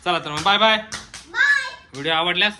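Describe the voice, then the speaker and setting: A very noisy indoor clip captures a man narrating his family vlog, chatting to the audience and half-jokingly telling off his kids. He has a high voice and talks fairly quickly.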